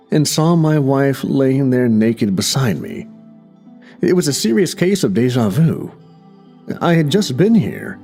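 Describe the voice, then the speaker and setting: Male horror narrator, gravelly voice, lively dramatic delivery, first-person story, background music. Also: mid-range voice.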